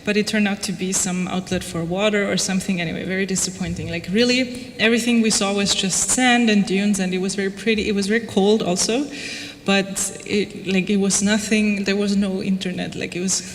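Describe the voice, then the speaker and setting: Speaking fairly quickly with medium pitch and fairly even intonation, a woman from Austria lectures informally on her own research to an audience. She's wry and conversational, often saying "like" and "you know" and dropping in casual asides, and the echoey lecture room carries background noise.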